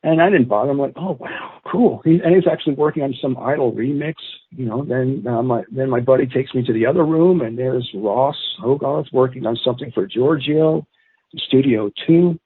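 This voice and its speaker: A man's voice: mid-range voice, fairly quick, breathy edge. A middle-aged man from Atlantic City, a guest telling rambling stories and acting out what people said. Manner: animated, rambling storyteller who acts out quotes. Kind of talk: storytelling in a podcast interview. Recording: tinny phone-line sound.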